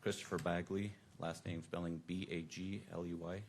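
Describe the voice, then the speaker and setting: A middle-aged police officer testifying from the witness stand, heard through the courtroom's table microphone and giving brief, matter-of-fact answers. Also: male voice, low-pitched, level tone, normal speed, a little hiss or hum. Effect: courtroom recording, voice picked up by the witness-table microphone.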